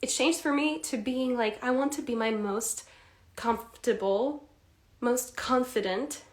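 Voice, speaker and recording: A young Polish woman, whose first language is Polish, coaches English on a live stream. She's lively and chatty, laughs often, and talks straight to her viewers in a slightly high voice with an echoey room ring.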